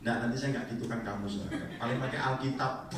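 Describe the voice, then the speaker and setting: A man preaching a lively, colloquial charismatic sermon to a congregation, teasing and exhorting them. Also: medium pitch, fast, a crowd in the background. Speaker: evangelist. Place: prayer meeting hall. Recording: echoey hall, mic far off, faint noise.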